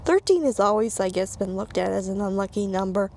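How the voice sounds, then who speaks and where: A woman's voice: medium pitch, lively intonation, brisk, gravelly, a little mellow, a little hiss or hum. A woman reading a children's storybook aloud, stumbling and repeating phrases, with casual asides. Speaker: reader.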